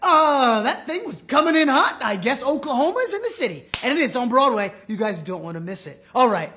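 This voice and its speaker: A man's voice: very high-pitched, big pitch swings, fairly quick, bright, forceful tone, muffled recording, slight background noise. Playful man hosting a trivia show. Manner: jokey, playful asides. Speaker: trivia game show host. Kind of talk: live-streamed game show hosting.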